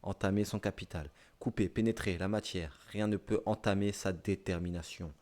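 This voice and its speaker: A man's voice: low voice, fairly even intonation, normal speed, a little mellow. A man with a southern French accent, a streamer reading dictionary definitions aloud live in short listed phrases, with offhand asides. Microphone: streaming microphone.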